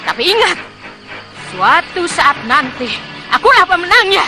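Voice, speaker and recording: A very high-pitched, imperious villainess rules her undead army with proud, vengeful authority. The delivery is theatrical, in the manner of historical fantasy drama, over loud music. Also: very animated, a little slow, full character voice. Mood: bitter defeat. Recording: loud music under dialogue.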